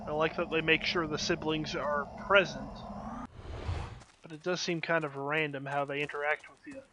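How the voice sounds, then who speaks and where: A man hosting a let's play, musing aloud in a low-key, casual game commentary. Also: fairly even intonation, moderate pace. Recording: clear background noise.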